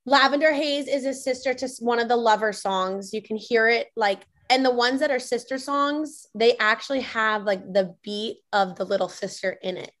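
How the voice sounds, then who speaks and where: A woman's voice: on the high side, normal speed, few pauses, a bit bright. Woman chatting casually as podcast guest. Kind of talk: casual fan chat. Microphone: video call.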